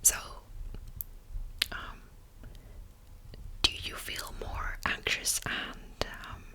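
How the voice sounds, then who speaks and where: Whispered role-play: woman as attentive female psychologist, fully whispered and breathy, patient active listener, gentle questions with thoughtful pauses. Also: full character voice.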